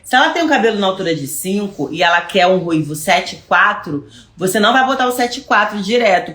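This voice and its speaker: With a medium-pitched, fairly bright voice, this Brazilian Portuguese-accented hairstylist gives a chatty live online lesson on lightening hair. She answers viewers' questions, repeating words as she gropes for them, and the room echoes.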